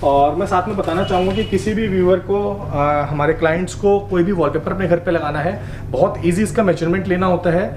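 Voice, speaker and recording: Shop owner, man, 30s, rapid eager sales pitch, noisy echoey store. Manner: explains prices and details eagerly. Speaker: shop owner showing products. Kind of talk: sales walkthrough. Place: indoor wallpaper shop.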